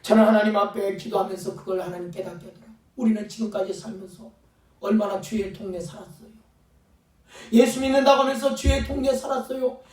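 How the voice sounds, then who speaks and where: A man's voice: high voice, fairly even intonation, brisk, darkish tone. A male pastor preaching a fervent sermon, sometimes acting out pleading voices. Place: church sanctuary. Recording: echoey church sound from a distant mic.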